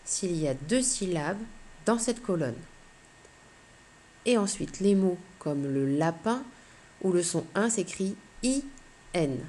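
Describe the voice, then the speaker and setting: A woman teacher giving a slow, clear phonics lesson to young children, patiently spelling out letters one by one. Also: on the low side, animated, mellow.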